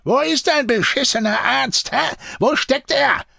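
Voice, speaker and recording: A man's voice: sits high, wildly swooping pitch, a little slow, fairly bright tone, no echo, studio quality, voice pushed up, heavily acted. A man voicing a harsh, bullying male deserter who snarls and barks angry questions in an audiobook. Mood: furious.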